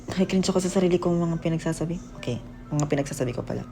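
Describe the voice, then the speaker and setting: A man's voice: fairly high pitch, rapid-fire, gravelly, over music, low-quality recording. A young man chatting casually on a phone livestream. He teases his viewers playfully and often laughs at himself. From Philippines. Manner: playful, teasing, laughs at himself, mixes Tagalog and English.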